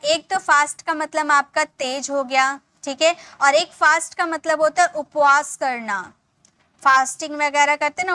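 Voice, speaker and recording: A woman teaching English words, spelling each one out and repeating it slowly for learners. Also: high voice, bright, forceful tone, no echo. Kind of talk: spelling and pronunciation lesson.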